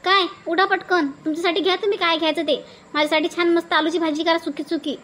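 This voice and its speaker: Woman doing a nagging village woman, bossy and pushy, voice way up high. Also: little pitch movement, quick pace, a bit bright. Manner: insistent, scolding, repeats urgings. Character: bossy village woman, young adult, nagging her sister-in-law. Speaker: village woman in a family skit. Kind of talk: comedy sketch acting.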